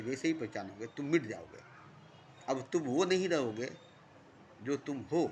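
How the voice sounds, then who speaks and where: A man's voice: on the high side, a little hiss or hum. A man delivering a spiritual sermon in repetitive, rhythmic phrases that rise and fall in emphasis. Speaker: spiritual teacher.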